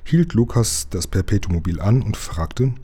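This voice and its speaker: A man reads a children's story aloud in a calm, even way. His voice is low and mellow, with a husky edge. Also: normal speed. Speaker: reader. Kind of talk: reading a children's book aloud.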